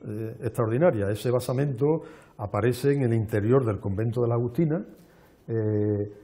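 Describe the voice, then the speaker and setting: Guy on a tv show explaining things slow and careful, kinda mellow dark voice. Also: medium pitch. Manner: measured, lecturing, with frequent restarts. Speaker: archaeologist guest. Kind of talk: explanatory interview talk. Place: television studio.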